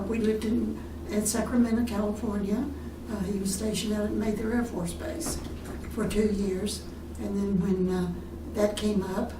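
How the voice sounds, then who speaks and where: Older woman recalling her life. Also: medium pitch. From Texas. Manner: unhurried, many fillers and restarts. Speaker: retirement community resident. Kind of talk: recorded oral history interview. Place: room in a retirement community. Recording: roomy, distant mic with background noise.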